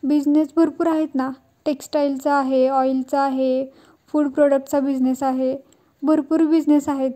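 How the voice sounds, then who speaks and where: A woman's voice: sits high, level tone, normal speed, warm tone, natural voice. A woman voicing a frightened young son-in-law who nervously pleads his case while she retells a TV serial episode.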